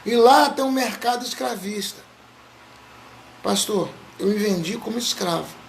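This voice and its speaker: A male preacher voicing a poor, devout elderly woman in a soft, subdued tone. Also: high voice, measured pace, creaky, slight background noise. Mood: humble, quiet.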